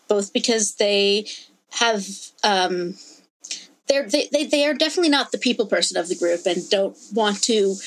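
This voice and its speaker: A woman's voice: mid-range voice, fairly bright tone. A woman playing a tabletop game, speaking casually and hesitantly with fillers.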